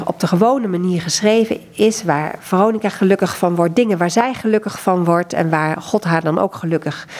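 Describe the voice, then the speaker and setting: A woman, country coordinator of a prayer group, reads a story aloud expressively and then talks about books, hesitating often when speaking freely. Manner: reads expressively, lively pitch in quoted lines.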